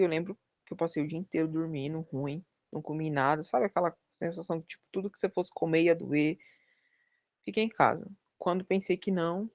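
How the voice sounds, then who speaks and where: A woman giving a personal religious testimony as a podcast guest, telling her story with lively acted-out dialogue. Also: deep voice, dry recording, lo-fi sound. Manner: animated storytelling, acting out the dialogue.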